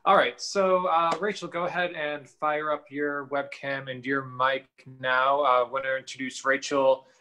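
A man's voice: mid-range voice, little pitch movement, a little slow, hardly any pauses, sharp tone, poor audio. A man hosting an online talk night over a video call, upbeat and chatty with lots of fillers. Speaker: host. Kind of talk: hosting a virtual talk show.

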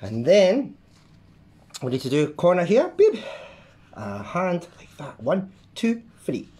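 Lively art-class host making sound effects. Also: medium pitch, slow. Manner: lively, makes playful sound effects while drawing; keeps checking in with the viewer. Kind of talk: drawing lesson for kids.

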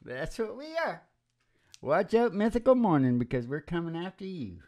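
An older man hosting a radio music show, his high-pitched voice darkish in tone and lively in intonation, banters at a moderate pace. He is wry and jokey, rambling and chuckling often into a stand microphone placed close. He sits in a small, dim indoor room against a wood-panelled wall.

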